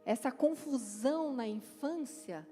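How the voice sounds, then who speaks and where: Woman pastor from brazil, high voice, lively playful sermon, big echoey church hall. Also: unhurried. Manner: lively and playful, acts out quotes, talks straight to the crowd. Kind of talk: conference sermon. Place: church hall, live event. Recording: long hall reverb with faint music.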